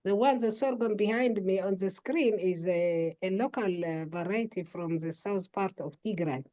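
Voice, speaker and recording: A woman's voice: medium pitch, normal speed, dark tone, highs cut off. A woman researcher answering questions in an online webinar over a video call, hesitant and explanatory. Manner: hesitant, many fillers, explanatory. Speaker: researcher and plant breeder.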